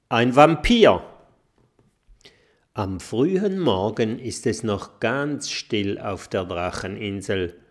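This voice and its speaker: Male narrator for a kids' audiobook, unhurried, very lively pitch. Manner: expressive, storytelling.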